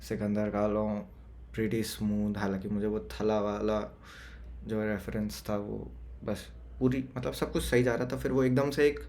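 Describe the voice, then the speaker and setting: A man giving casual reaction commentary on a new album, thinking aloud in a loose and excitable way. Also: on the low side, measured pace, slight background noise. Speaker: music reaction creator.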